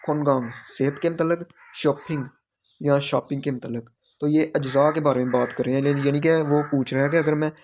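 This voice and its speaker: A man's voice: a little high, a little mellow, a little hiss or hum. A man teaching a language lesson, patiently explaining exam questions and repeating phrases and word meanings.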